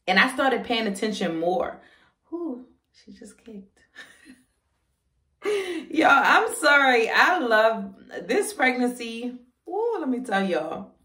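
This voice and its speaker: A woman's voice: on the high side, big pitch swings, slow, bright, forceful tone, recorded from a distance. A pregnant woman giving a casual vlog update, chatty and short of breath, talking to viewers as y'all. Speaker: vlogger. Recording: roomy sound, voice away from the mic.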